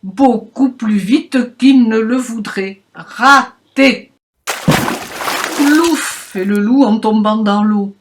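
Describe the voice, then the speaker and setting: A woman reads a children's picture book aloud with playful expression. She takes it slowly, in a fairly high voice. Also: fairly even intonation, noisy background. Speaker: reader. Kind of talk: children's storybook reading.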